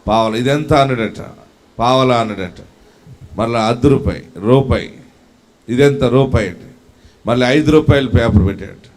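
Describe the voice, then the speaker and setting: A man's voice: mid-range voice, normal speed, a little mellow. A man preaching with a Telugu accent, asking the audience questions and telling a story. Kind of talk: sermon with storytelling.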